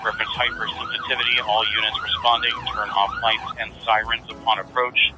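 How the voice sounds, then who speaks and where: A male police dispatcher speaking in clipped, loud call-outs over a police radio. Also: medium pitch, wildly swooping pitch, a little fast, heavy background noise. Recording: distant radio with loud sirens. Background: police sirens.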